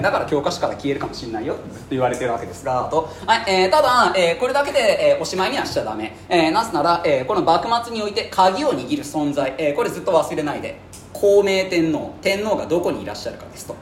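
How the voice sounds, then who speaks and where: A male history teacher rattling off a lecture at very high speed, voice swinging lively up and down. He jokes as he goes, and the sound rings in an echoey classroom with faint noise behind. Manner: rapid, jokey, chatty, with frequent fillers and laughs. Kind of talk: casual joking history lecture.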